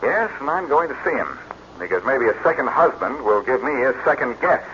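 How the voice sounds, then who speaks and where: Brisk and natural, with a mid-range voice, a man acts the part of a reformed-thief detective, cool, wry, and confident, in 1940s radio. The lively, sardonic performance comes through a muffled, hissy transfer of an old radio recording.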